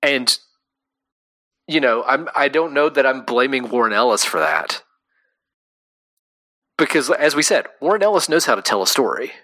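A man co-hosting a casual podcast about comics, talking in animated quick bursts full of fillers. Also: mid-range voice, dry recording. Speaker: podcast co-host. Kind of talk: casual chat.

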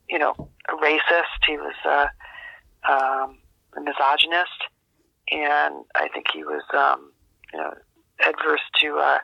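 An older woman from the rural United States, an author and memoir teacher, is interviewed as a guest over a landline phone that gives a dull, narrow sound. Her low, gravelly voice has no echo, and she speaks reflectively in a halting, thoughtful way with long searching pauses.

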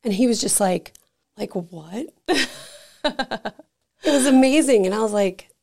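Chatty woman with a creaky voice. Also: fairly high pitch, moderate pace. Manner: chatty, peppered with "like", animated anecdotes. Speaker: energy healing center owner, guest. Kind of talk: casual conversational storytelling.

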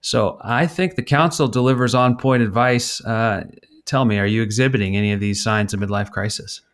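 A middle-aged man with a somewhat low voice co-hosts a podcast. He reads articles aloud in a relaxed, teasing way, adding jokey asides. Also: normal speed. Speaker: podcast co-host. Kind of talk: casual comedic chat.

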